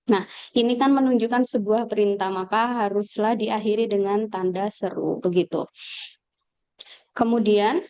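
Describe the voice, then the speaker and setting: A woman teacher explaining a lesson slowly on a video call, with fillers and pauses. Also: mid-range voice, fairly even intonation, dark tone, clean tone, no room sound. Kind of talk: online class lecture. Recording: dull lo-fi video call audio.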